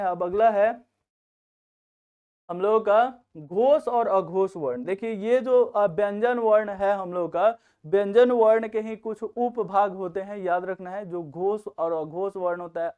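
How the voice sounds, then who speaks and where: A male teacher explaining grammar in a steady lesson, often checking in with students as he goes. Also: sits high, unhurried, smooth. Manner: repeats "theek hai na" as a check-in. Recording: tinny phone-like recording.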